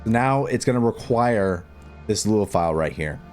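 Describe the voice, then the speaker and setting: This tutorial host is a man whose fairly low voice sounds animated, a little slow, and slightly mellow. Over background music, he walks through a casual screen tutorial step by step, thinking aloud and repeating instructions as he works.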